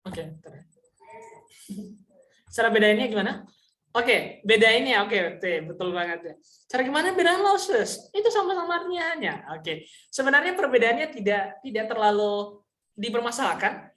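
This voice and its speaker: A woman teaching a casual online Mandarin lesson, explaining patiently, saying example sentences slowly and often checking whether her students understand. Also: on the high side, expressive, a bit bright, roomy sound.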